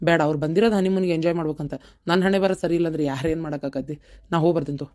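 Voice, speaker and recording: A woman's voice: sits low, steady tone, racing, darkish tone, natural voice. A woman voicing a stern, scornful elder brother in a cartoon, speaking with a North Karnataka accent and lecturing curtly. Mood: resigned. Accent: North Karnataka Kannada. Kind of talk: cartoon voice acting.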